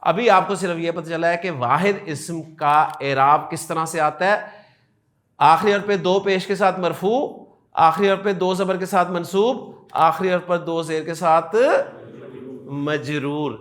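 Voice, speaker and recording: Pakistani urdu accent guy teaching arabic grammar, highish voice, lively and jokey, says the word endings over and over. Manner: lively, repeats word endings aloud, jokes with students. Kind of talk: classroom lecture.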